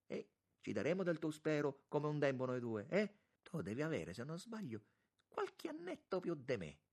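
A man's voice: fairly high pitch, huge pitch swings, normal speed, a little mellow, voice pushed up, full character voice. A man voicing a jovial, effusive elderly bishop who gushes with exclamations in a raised voice. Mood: teasing. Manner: exclamatory, gushing.

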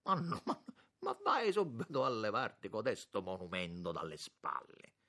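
A brisk aristocratic prince teases and scolds with amusement, as a male reader plays him. The voice is low with a husky grain. He speaks with lively rises. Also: heavily acted. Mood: mocking. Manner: teasing, brisk. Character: brisk mocking middle-aged male prince.

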